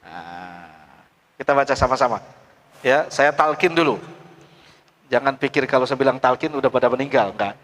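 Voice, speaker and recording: A middle-aged man teaching Quran recitation in a class, drilling his students letter by letter and urging them to read out loud. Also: medium pitch, normal speed, pauses often. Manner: drills students call-and-response, coaxing them to read loudly. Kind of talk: classroom tajwid lesson. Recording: long hall reverb.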